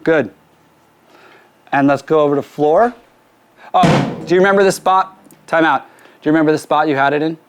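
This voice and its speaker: A music producer leads a casual hands-on mixing tutorial, informally directing his crew in a studio with a drum kit and PA. His clean-toned voice is a little high and at normal speed, broken by long pauses.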